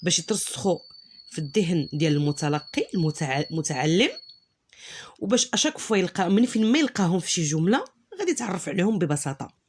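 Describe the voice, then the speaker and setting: A woman with a Moroccan accent teaching a reading lesson, drilling syllables slowly and patiently in Moroccan Arabic and French. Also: fairly low pitch, big pitch swings, breathy edge. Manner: slow, drawn-out syllable drills, patient and encouraging. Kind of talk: reading lesson, code-switching.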